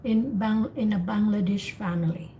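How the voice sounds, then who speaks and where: Leading a group call for English speaking practice, the host and teacher poses questions, gives straightforward explanations, and corrects learners. She has a mellow, medium-pitched voice and speaks at a moderate pace. There's a faint hum of background noise typical of an online call.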